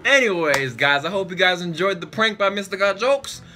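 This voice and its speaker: A young man giving casual, profane, slangy and excitable reaction commentary. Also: sits high, normal speed, music in the background. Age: young adult. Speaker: reaction video host. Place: small bedroom indoors.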